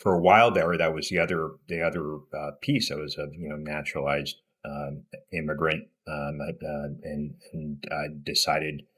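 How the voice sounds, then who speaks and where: A man's voice: very deep voice, fairly even intonation, moderate pace, few pauses, fairly bright tone, husky. A middle-aged man born in Peru, a podcast guest talking reflectively with many restarts and fillers. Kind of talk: casual interview conversation.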